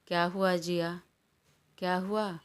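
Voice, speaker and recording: A woman's voice: lowish voice, little pitch movement, slow, clean tone. A woman voicing a tired, irritated young man who pleads to be left alone, in a storybook reading. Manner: weary, pleading.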